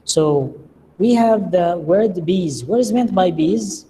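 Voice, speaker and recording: A lecturer who speaks slowly and deliberately, quizzing students on word meanings in a lecture room. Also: medium pitch, expressive, warm tone. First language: Arabic. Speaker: English lecturer. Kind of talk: classroom lecture with questions to students. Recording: long reverb, faint room noise.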